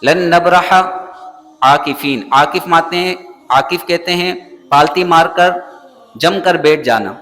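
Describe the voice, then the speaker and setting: A man's voice: on the high side, sharp tone. A man from Pakistan teaching a Quran lesson in a mosque. He chants verses melodically, then translates and explains them plainly. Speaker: Islamic scholar teaching the Quran. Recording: long hall reverb, faint music behind.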